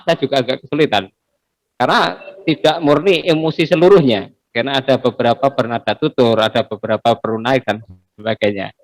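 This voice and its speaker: Guy hosting an online meetup, mid voice, chatty, a bit hesitant. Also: medium pitch. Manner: chatty, hesitant, comments then hands over. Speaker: meeting moderator. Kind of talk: online community meeting talk. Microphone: video call.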